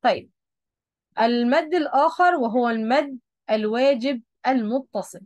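Standing at a board, a woman with an Egyptian Arabic accent walks her students through a Quran recitation rule, patiently repeating the main points and checking they keep up. Her voice is on the high side and darkish in tone, at a moderate pace, with no room sound.

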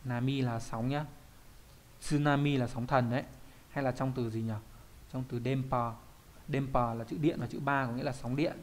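A man's voice: mid-range voice, steady tone, normal speed. Man teaching a lesson. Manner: poses quiz questions and answers them himself. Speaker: Japanese kanji teacher. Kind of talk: explaining an online kanji lesson.

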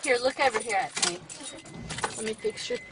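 A woman's voice: on the high side, lively intonation, normal speed. A woman chatting casually in a coaxing, amused way, as someone soothing a teenager. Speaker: caregiver filming and soothing a teenager. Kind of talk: casual chat. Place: outdoors, then inside a car. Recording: faint noise, handheld phone recording.

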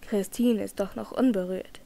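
A woman's voice: mid-range voice, fairly even intonation, moderate pace, gravelly, warm tone, pitched below the performer's own voice, natural voice. A woman voicing an anxious young nobleman in an audiobook, asking urgent, distressed questions. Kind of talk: audiobook character reading.

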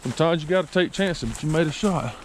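A man from South Carolina, chatting excitedly and joking outdoors while hunting. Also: fairly high pitch, a little hiss or hum. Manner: boisterous, joking, quick to laugh. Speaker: hunting vlogger. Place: outdoors in rural woods.

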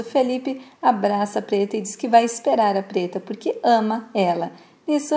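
A woman retells a soap opera episode in casual, conversational storytelling. Her voice sits fairly high with a warm, mellow tone. She narrates plainly, like recounting it to a friend.

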